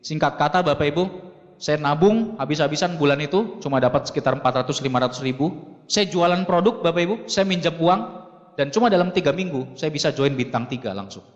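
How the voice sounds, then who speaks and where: A man's voice: fairly high pitch, fairly quick, dull audio. A man in his thirties from Makassar speaks from a seminar stage in a slightly raised voice. He tells his story with energy and keeps turning to address the audience. A long hall reverb trails behind each phrase. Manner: animated storytelling, often addresses the audience directly. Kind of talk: motivational stage talk.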